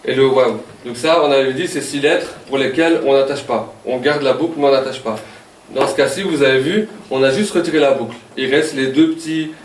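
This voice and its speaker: Recorded at a distance in a reverberant classroom with a bit of hiss or hum, a man from Wallonia gives a lesson on Arabic letters. He speaks briskly at medium pitch in a Walloon Belgian French accent, patient and playful, regularly asking "ok?".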